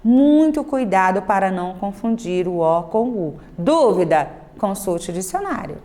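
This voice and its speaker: A woman giving a remote grammar lesson to children, drawing out example words slowly and checking in with tag questions. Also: fairly high pitch, darkish tone. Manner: slow, exaggerated modeling of pronunciations; frequent tag questions to the class. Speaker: teacher.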